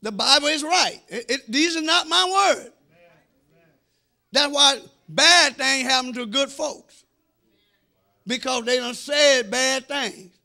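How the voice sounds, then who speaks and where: With a very high, sharp voice, a middle-aged American pastor takes his sermon slowly and leaves long pauses. Using a handheld microphone in the church sanctuary, he preaches emphatically to the congregation, drawing out his phrases and speaking to them directly.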